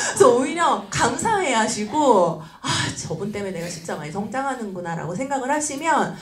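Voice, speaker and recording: A woman giving a seminar talk as a lively story, acting out voices and laughing often. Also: fairly high pitch. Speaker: speaker at a business seminar. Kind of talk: animated storytelling lecture. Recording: roomy echoey hall.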